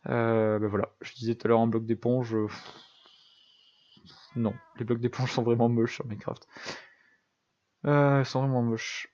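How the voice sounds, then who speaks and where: A man's voice: medium pitch, flat delivery, moderate pace, long pauses, a little mellow, dull audio. A young man giving casual, self-deprecating commentary over a building game, thinking aloud with lots of fillers. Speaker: gaming YouTuber.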